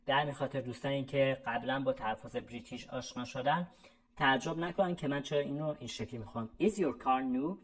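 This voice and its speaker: Low-voiced woman teaching English. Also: low-quality recording. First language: Persian. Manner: slow, drawn-out model sentences between brisk explanations. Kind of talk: online language lesson.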